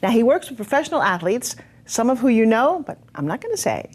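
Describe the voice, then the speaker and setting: A woman's voice: on the high side, big pitch swings, brisk, husky. A woman hosting an infomercial, interviewing guests and addressing viewers in a polished, prompting sales-presenter manner. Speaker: infomercial host.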